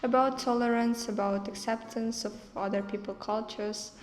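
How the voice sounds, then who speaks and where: A woman's voice: fairly high pitch, steady tone, normal speed, slight background noise. A woman giving short, simple answers about tolerance and trips. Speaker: project participant. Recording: reverberant hall with faint music.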